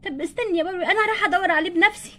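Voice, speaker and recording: A woman with an Egyptian accent voicing a fond, calm mother who reassures her grown daughter in a doll play story. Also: extremely high pitch, rapid-fire. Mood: soothing. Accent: Egyptian Arabic. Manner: reassuring, affectionate.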